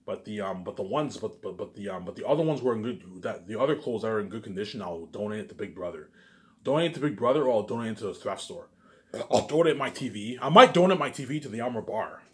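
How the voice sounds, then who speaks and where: Speaking with lively intonation in a somewhat low voice, a vlogger delivers a rambling, casual monologue to camera. He races along at great speed, repeating and restarting phrases, forceful and wandering, with plenty of cursing.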